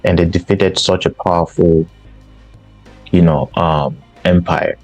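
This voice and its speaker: A man's voice: deep voice, steady tone, measured pace, darkish tone, dry recording, faint music behind, rough recording. A man from Cameroon, hosting a podcast and giving an emphatic political commentary monologue. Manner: emphatic, repeats himself for stress. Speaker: podcast host.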